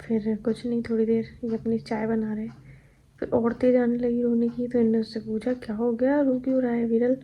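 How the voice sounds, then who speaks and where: A woman's voice: fairly high pitch, little pitch movement, moderate pace, slightly rough, highs cut off. A young pregnant woman chatting at home about her day, tired and laughing now and then as she tells stories. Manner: chatty, laughing, recounting daily life. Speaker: vlogger. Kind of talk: casual chat.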